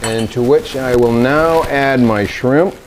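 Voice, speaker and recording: A man hosting a cooking video, talking through a recipe in his kitchen in a halting, meandering way. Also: medium pitch, a little hiss or hum. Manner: halting, meandering, searches for words. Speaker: cooking show host demonstrating recipes. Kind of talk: unscripted cooking demonstration. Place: home kitchen indoors.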